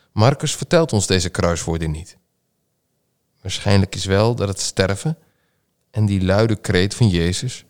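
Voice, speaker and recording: A male preacher reads scripture and then gives a meditation on it in a solemn, unhurried delivery. His voice sits on the low side, and he lingers deliberately over key phrases. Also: darkish tone. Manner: slow, measured, solemn delivery. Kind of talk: scripture reading and sermon meditation.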